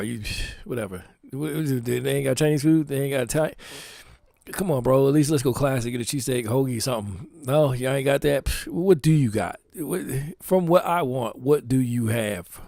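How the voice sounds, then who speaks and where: Speaking casually to camera, a Philadelphia man with a local accent discusses the clothes he designs, peppering his talk with street slang and repeated "you know what I'm saying." His voice is mid-range, gravelly and darkish, in a dry, clean studio recording.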